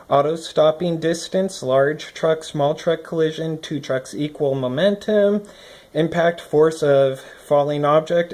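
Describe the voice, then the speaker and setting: Reading from a lesson script, a person with a darkish, mid-range voice explains the material and thinks aloud along the way. A phone positioned above the desk captured it indoors.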